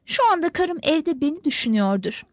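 A woman's voice: high voice, big pitch swings, brisk, no echo, clean studio sound, pitched above the performer's own voice. A woman voicing a homesick young male Cossack soldier, talking wistfully of home.

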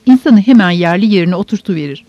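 A woman voicing a pompous, flattering older uncle, in a dull, dry audiobook recording. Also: medium pitch, fast talker, no room sound, close to an everyday voice.

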